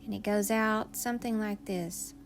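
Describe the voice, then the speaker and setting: This guided meditation comes from a woman whose medium-pitched voice stays steady over faint music. Her pace is relaxed and soothing, with long pauses separating each phrase.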